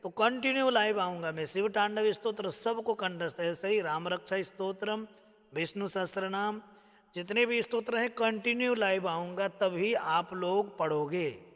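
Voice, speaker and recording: A man teaches verse recitation on a live stream. He chants in a drawn-out sing-song and drops in quick spoken asides between lines. His voice is high and bright, and it rings with a long reverb.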